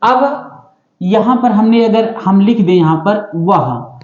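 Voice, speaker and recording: A woman teaching shorthand in a classroom lesson, explaining slowly and repeating each point while often checking that students follow. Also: medium pitch, animated, darkish tone. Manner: slow, repetitive explaining with frequent check-ins. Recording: echoey, dull lo-fi room sound.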